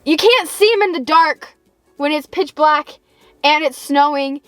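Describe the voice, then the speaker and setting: A young woman vlogger in a casual, comedic rant to viewers, chatty and animated as she complains with exaggerated emphasis. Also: sits high, unhurried, no echo. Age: late teens to young adult. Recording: music behind the voice.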